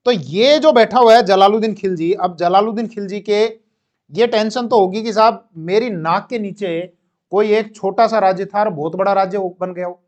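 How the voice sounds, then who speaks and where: A man teaching a history lesson in a classroom style. He explains as he goes, with asides and quick self-corrections, and speaks. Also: high-pitched, darkish tone.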